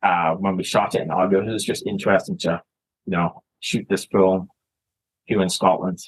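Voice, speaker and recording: A man's voice: deep voice, fairly even intonation, normal speed, slightly rough, low-quality recording. A man from Canada, a filmmaker guest chatting casually in an interview, rambling and often restarting his words.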